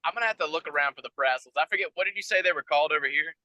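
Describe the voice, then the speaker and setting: A man's voice: on the high side, very fast, bright, forceful tone, dry recording, dull audio. A man with a Southern American accent, a guest on a podcast, joking in a laid-back way and laughing often, calling in from inside an RV. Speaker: guest musician. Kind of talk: casual podcast chat. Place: inside a noisy RV.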